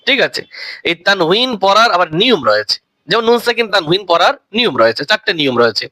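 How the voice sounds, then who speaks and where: A man's voice: high-pitched, very animated, sharp tone, no echo, poor audio. A man teaching Quran reading, who spells out letters and vowel marks, stretches each finished word into a long chanted tone, and repeats his key points as questions to the learner. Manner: drawn-out sung recitation of each word.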